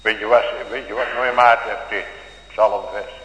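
A man's voice: on the low side, fairly even intonation, moderate pace, pushed and bright. A male pastor preaching a sermon to his congregation with fervent, old-fashioned biblical phrasing. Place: church. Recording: echoey church hall with faint hum.

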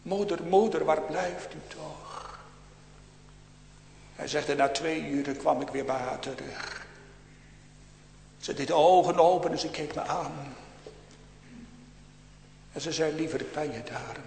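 Male pastor, unhurried delivery, rough gravelly tone, loud and soft by turns, in a booming echoey church. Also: fairly even intonation, slight background noise. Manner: slow, swinging between loud outbursts and hushed near-whispers. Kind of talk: sermon. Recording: echoey church with long reverb.

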